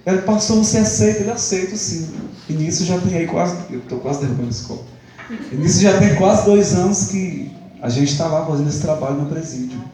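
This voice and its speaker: A young Brazilian man, speaking with a Brazilian Portuguese accent, gives a church-service testimony in chatty storytelling style, acting out the dialogue and laughing often. His voice runs on the high side, a little fast and dark-toned, in an echoey church hall.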